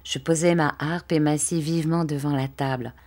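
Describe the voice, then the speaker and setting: A woman narrates a classic novel in a measured, expressive reading. Her voice sits low in pitch for a woman. She takes her time and shapes each sentence with care. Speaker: audiobook narrator. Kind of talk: literary audiobook narration.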